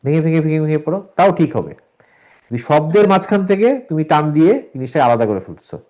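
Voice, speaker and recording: A man teaching a Quran reading class online, who corrects his students and patiently explains the rules step by step, slowing down to demonstrate the recitation. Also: a little high, sing-song, dark tone.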